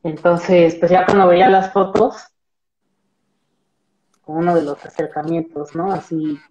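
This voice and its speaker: A young man with a Mexican Spanish accent, a marine biologist guest chatting in a relaxed, rambling way with many fillers over a video call from a small room. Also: high-pitched, unhurried, lo-fi sound, a crowd in the background. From central Mexico. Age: young adult. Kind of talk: casual video-call interview chat. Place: small indoor room with plain wall. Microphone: laptop video call.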